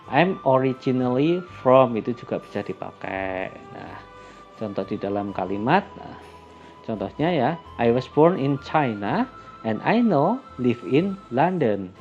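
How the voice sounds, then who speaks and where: A man teaching a class, calmly explaining English greetings and introductions and slowing down for the example phrases. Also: mid-range voice. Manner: calm and explanatory, switching into slow, lifted voice for English example phrases. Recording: lo-fi recording with faint music.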